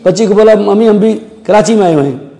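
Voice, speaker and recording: A man's voice: high voice, quick pace, mellow, long reverb tail, low-quality recording. A man recounting events in a news interview, acting out the dialogue he quotes in a storytelling way.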